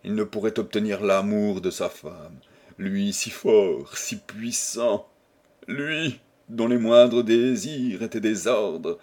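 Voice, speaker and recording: Male audiobook narrator, measured literary reading. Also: on the low side, darkish tone. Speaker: audiobook reader.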